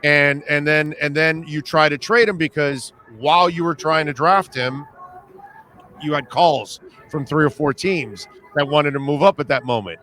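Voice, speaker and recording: A man's voice: a little high, normal speed, sharp tone. A man hosting a sports talk show, chatting casually and putting questions to his guest.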